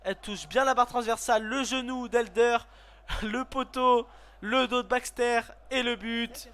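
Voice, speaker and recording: Excitable high-voiced man commentating a match. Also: a little slow, clean tone. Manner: excitable, bursts into shouts at goals; stumbles over words, self-corrects. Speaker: gaming YouTuber. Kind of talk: play-by-play football video game commentary.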